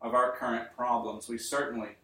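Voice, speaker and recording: A male preacher giving an earnest sermon to his congregation, building up to emphatic points and then easing into quiet appeals. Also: mid-range voice, little pitch movement, a little fast. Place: church. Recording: roomy church sound, mic at a distance.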